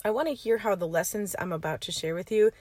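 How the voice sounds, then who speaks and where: Sitting in her parked car, a podcast host and coach chats away in a loose, rambling style, laughing frequently. Her mid-range voice is a little mellow and quick, and the recording is dry. She uses an informal setup without a computer.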